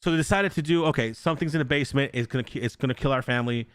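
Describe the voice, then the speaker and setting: Rapid-fire and clear, with a resonant mid-range voice, a young podcast host recounts a ghost story in studio-quality audio with no echo. He keeps it casual and animated, swearing often and acting out the people's voices.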